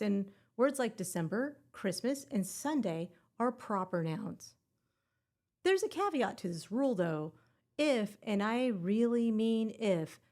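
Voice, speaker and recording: A woman's voice: mid-range voice, a little mellow. A woman hosting a scripted exam-prep podcast and teaching grammar in a playful, upbeat way with puns.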